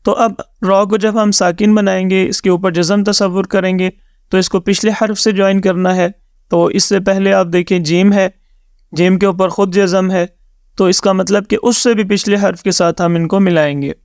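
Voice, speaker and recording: A man teaching Quran reading, spelling words out letter by letter in long drawn-out syllables and dropping in English words. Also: high-pitched, flat delivery, a little mellow, clear, resonant tone, dry recording, studio quality. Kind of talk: slow step-by-step recitation lesson.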